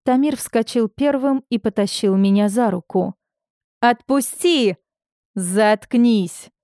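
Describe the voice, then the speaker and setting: A woman reading a first-person audiobook, expressive and acting out the dialogue. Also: a little high, moderate pace, clear, resonant tone, dry recording, clean studio sound. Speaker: audiobook narrator.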